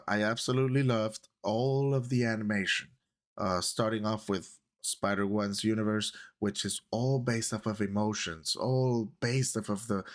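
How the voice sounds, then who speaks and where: A man whose first language is Spanish, talking casually to camera about a film he loved, with lots of fillers and self-corrections. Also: lowish voice. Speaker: vlogger. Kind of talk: casual movie talk to camera.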